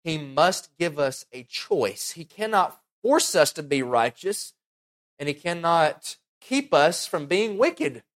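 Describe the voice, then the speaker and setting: A young man preaching a sermon, earnest and animated, acting out the quotes he reads. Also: a little high, takes it slowly. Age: young adult. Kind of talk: sermon, Bible teaching.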